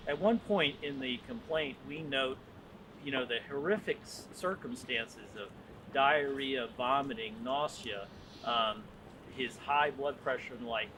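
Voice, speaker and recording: Male attorney, mid-range voice, deliberate answers with fillers, noisy press conference recording. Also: mid-range voice. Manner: measured, deliberate, with frequent fillers.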